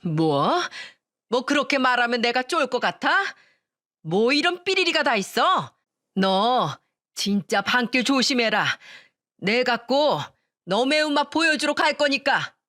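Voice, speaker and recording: A woman's voice: lively intonation, measured pace, fairly bright tone, no echo, clean studio sound. A woman voicing a furious, threatening middle-aged mother-in-law who shrieks curses in a radio story. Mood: screaming threats. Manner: shrill, threatening, cursing.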